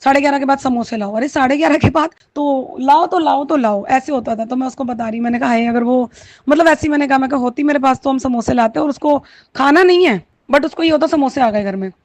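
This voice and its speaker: A woman's voice: fairly high pitch, darkish tone, dry recording. Tearful woman sharing a devotional testimony. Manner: tearful, heartfelt, mixes Hindi with Punjabi and English words.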